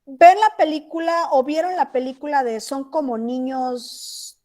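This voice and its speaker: A woman with a Mexican accent teaches a class over a video call. Her voice sits high, and her talk is chatty, with frequent checks that everyone is following along. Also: measured pace, a little mellow. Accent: Mexican Spanish. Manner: chatty, asks checking questions. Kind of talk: online class lecture.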